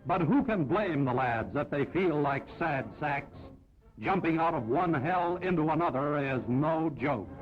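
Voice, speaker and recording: A man narrating an old 1940s newsreel in a brisk, upbeat announcer style. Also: fairly high pitch, expressive. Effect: old newsreel sound. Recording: dull lo-fi 1940s film audio with music.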